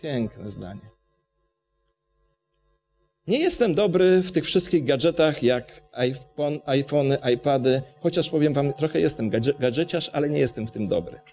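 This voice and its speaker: A man's voice: a little high, lively intonation, a little slow, darkish tone. A man from Poland preaching a sermon, passionate, asking the congregation rhetorical questions.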